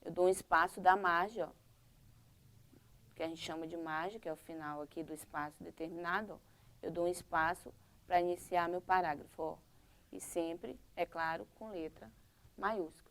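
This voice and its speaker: A woman's voice: lowish voice, steady tone, moderate pace, fairly bright tone. A woman teacher with a Brazilian Portuguese accent, explaining a primary-school lesson step by step and checking in with "tá?" and "ok?".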